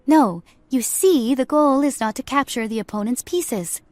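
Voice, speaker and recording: A woman's voice: sits high, measured pace, darkish tone, dry recording, pitched above the performer's own voice. A woman voicing an earnest, formal alien woman ethnographer who explains things literally.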